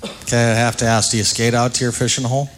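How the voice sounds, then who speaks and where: A man hosting a live radio broadcast from a dinner event, asking relaxed, chatty questions full of fillers. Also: mid-range voice, quick pace. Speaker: radio play-by-play host. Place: large arena banquet hall.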